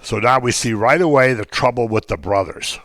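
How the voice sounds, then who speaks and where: A man's voice: medium pitch, moderate pace, fairly bright tone, no room sound, studio quality. A man teaching an informal Bible class, talking conversationally with frequent ums and jokey asides to the class.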